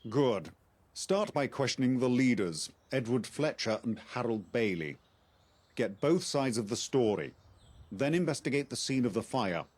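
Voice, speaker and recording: A man voices a composed Arthurian officer handing out a quest in a video game. His mid-pitched delivery is formal, articulate and deliberate, with quiet authority. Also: lively intonation, natural voice. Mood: earnest, authoritative. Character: measured Arthurian knight-officer recruiting an outsider to investigate. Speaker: quest-giving game character. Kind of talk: scripted game dialogue.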